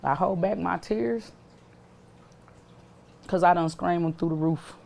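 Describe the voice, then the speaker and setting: A grieving mother speaks in a news interview, emotional and pleading. Her voice is low and dark with a mellow tone. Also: takes it slowly, creaky.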